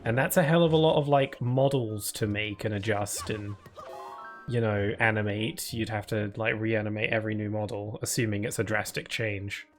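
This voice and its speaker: Over soft background music, a lowish-voiced man chats at normal speed with fairly even intonation while playing a game live. He answers viewer chat aloud, casual and full of fillers and restarts, in his self-described permanent cold voice.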